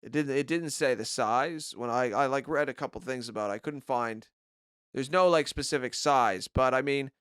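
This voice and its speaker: A man co-hosting a comedy podcast, chatting casually with deadpan, dry comebacks. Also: mid-range voice, normal speed, smooth, no echo. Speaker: podcast co-host.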